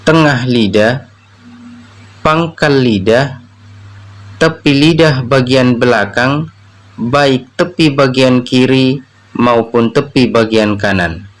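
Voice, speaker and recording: A man giving a pronunciation lesson at a very unhurried pace, carefully spelling out each syllable for learners. His pitch sits in an ordinary middle range, and he explains step by step like a patient teacher. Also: poor audio. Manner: slow, deliberate, pronounces syllables one by one for learners. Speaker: Quran recitation teacher. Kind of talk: slow instructional explanation with drilled syllables.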